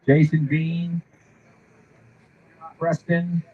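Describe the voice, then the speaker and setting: A man's voice: fairly high pitch, flat delivery, extremely slow, dark tone, slight background noise. Man announcing races over a muffled stream. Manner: calls names and times over a PA. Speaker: race announcer. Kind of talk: live race-track announcing.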